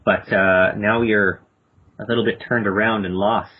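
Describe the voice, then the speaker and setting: A man narrating a tabletop game as game master, halting and repeating words as he describes the scene. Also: on the low side, steady tone, husky. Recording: tinny phone-like podcast audio.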